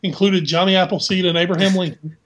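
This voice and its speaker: A man with a fairly high voice and a light Southern US accent trades dry, teasing jokes in a loose sports-podcast conversation. He talks in a casual, easygoing way as co-host. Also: fairly even intonation, quick pace, fairly bright tone. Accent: mild Southern US.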